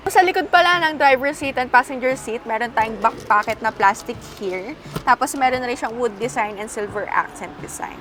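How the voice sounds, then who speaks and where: A woman's voice: a little high, normal speed, a bit bright, a little hiss or hum, poor audio. A young woman from the Philippines giving a casual walkaround review from inside a passenger van, chatty and demonstrative as she points out each feature. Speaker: car review presenter.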